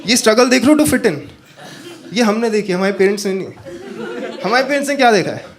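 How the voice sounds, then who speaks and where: Man, stand-up comedian, from northern India, high voice, animated storytelling, loud background noise. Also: fairly quick. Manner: animated storytelling, talks to the audience. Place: comedy stage with a live audience.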